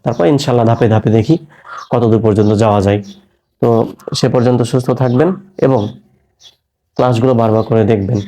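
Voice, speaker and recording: A man with a mellow, warm voice teaches a reading lesson. He spells out each letter and sound slowly and patiently, and checks in with his learners as he goes. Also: medium pitch, fairly even intonation. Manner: asks learners rhetorical check questions. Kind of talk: recorded online lesson.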